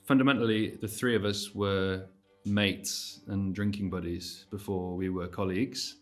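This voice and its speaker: A man's voice: low voice, a little slow, faint music behind. A man with a North Welsh accent, a folk trio musician, casually introducing his band with jokes and restarts. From North Wales. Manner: relaxed, joking, restarts a lot.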